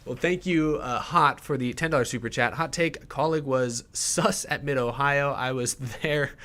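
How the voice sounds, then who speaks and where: A man's voice: medium pitch, normal speed, sharp tone. A man in his twenties hosting a live racing podcast, reading out viewer questions in a loose, rambling way. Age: 20s. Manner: casual, rambling, reads out super chats. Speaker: podcast host.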